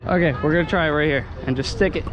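Young male vlogger, casual and excitable, action-camera mic at an outdoor skatepark with heavy background noise. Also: fairly high pitch, racing. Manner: excitable, swears, laughs at himself. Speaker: scooter rider filming himself. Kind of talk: casual self-filmed vlog commentary. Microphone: action camera on handlebars. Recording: noisy outdoor camera audio.

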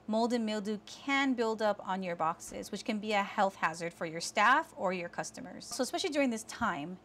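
A woman, presenting kitchen storage products to camera in a clear, instructive way from a small indoor studio set. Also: mid-range voice, slight background noise. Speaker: sales rep presenting products. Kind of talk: scripted product explainer.

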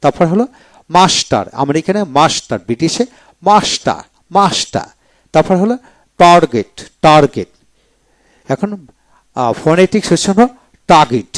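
Male teacher, a touch high-pitched, dry close sound, slow word drills. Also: no room sound. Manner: repeats each word slowly, spelling letters out. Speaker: English pronunciation teacher. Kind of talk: video lecture, drilling words aloud.

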